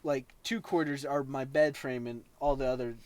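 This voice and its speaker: A man's voice: mid-range voice, steady tone, moderate pace, darkish tone, no room sound. A man co-hosting a podcast in casual chat, rambling and playful as he riffs on a topic. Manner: rambling, playful, gestures while talking. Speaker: podcast co-host.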